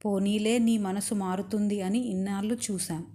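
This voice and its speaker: A woman voicing mocking demon women guards who taunt their captive, in a warm, mellow voice. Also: medium pitch, fairly even intonation, normal speed, a little hiss or hum, lightly acted.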